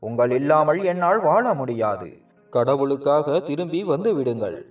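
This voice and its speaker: A man's voice: a little high, expressive, moderate pace, recorded from a distance, lo-fi sound, faint music behind, pitched below the performer's own voice, close to an everyday voice. A man voicing a grieving young nephew in a storybook, desperate and devoted.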